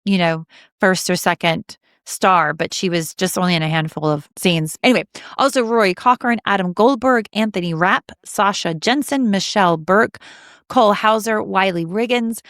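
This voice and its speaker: A woman's voice: mid-range voice, no echo, studio quality. Chatty Southern American woman podcaster. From Southern United States. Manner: chatty and animated, quick restarts. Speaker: podcast co-host. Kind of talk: casual film podcast chat.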